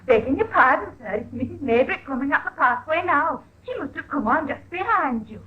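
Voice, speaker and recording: A flustered young housemaid, speaks in a high, lively voice full of polite deference. It is a 1950s radio drama with a dull, lo-fi old sound. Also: female voice, fairly quick. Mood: deferential. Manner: deferential, polite servant speech.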